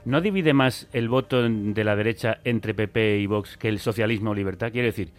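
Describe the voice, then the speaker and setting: A man's voice: fairly low pitch, moderate pace. Male talk show host. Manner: leading, questioning.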